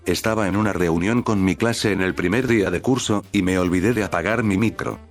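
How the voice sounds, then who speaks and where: Deep-voiced man reading stories aloud. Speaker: narrator reading online stories. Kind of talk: scripted narration.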